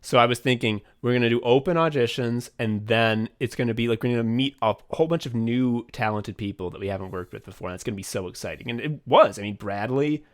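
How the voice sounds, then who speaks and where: This podcast co-host has a mid-range voice and casually looks back on writing and directing an audio drama. His rambling account is heavy on "like" and swear words, with quick moments of excitement.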